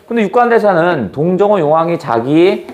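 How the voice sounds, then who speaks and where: Casting note: a lively teacher in a classroom, expressive and fairly high-pitched. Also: male voice, moderate pace. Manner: animated, quizzes students with questions. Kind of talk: storytelling lesson.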